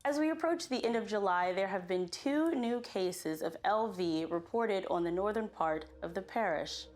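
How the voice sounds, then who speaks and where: A woman playing a composed local news reporter, reading a scripted bulletin in a measured, formal manner. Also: medium pitch, lively intonation, close to an everyday voice. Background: music.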